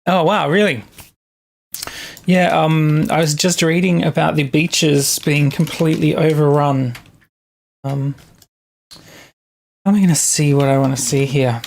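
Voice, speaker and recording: A young adult music producer streaming live, chatting casually with viewers in a halting, think-aloud way while working on tracks. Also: medium pitch, fairly even intonation, creaky.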